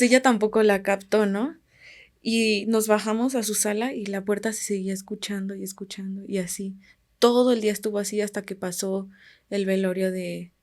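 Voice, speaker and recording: A podcast guest from Guerrero, Mexico, with a Mexican Spanish accent, tells a story casually in a calm, middle-pitched voice. Her phrases often sink almost to a murmur as they end, trailing off quietly.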